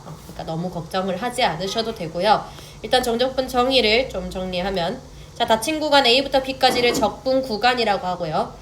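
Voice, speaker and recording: A young woman tutors math in an online lecture, her voice fairly high and her pace moderate, with a faint hiss in the background. She explains patiently, blends polite and casual speech, and keeps checking in by asking students to confirm they follow.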